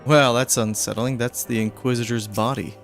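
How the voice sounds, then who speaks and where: A man's voice: medium pitch, steady tone, moderate pace, soft background music. A man streaming a game, chatting casually and joking with the characters on screen. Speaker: gaming streamer. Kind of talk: casual gameplay commentary.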